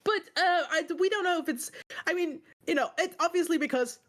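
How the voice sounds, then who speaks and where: Her voice is very high and a bit bright, and she talks fairly quickly. The woman, a co-host of a book club stream, rants casually in a rambling, exasperated, emphatic way, clearly stressed and upset and cursing as she goes.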